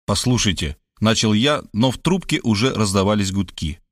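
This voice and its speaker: A man narrating a first-person audiobook in a plain, even storytelling manner and acting out the dialogue. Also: on the low side, moderate pace, dry recording, studio quality.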